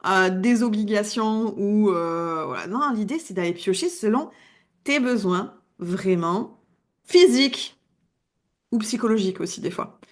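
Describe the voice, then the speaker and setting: A woman with an accent in French, a coach giving a casual, lively video lesson and laughing at herself as she talks. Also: mid-range voice, unhurried. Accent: non-standard French accent. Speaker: wellness coach.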